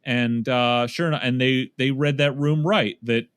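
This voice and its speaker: A man's voice: medium pitch, fairly even intonation, moderate pace, a bit bright, clean tone, no room sound, studio quality. A man co-hosting a political podcast, ranting in a profane way that keeps trailing off and restarting. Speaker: podcast co-host. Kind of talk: casual political chat.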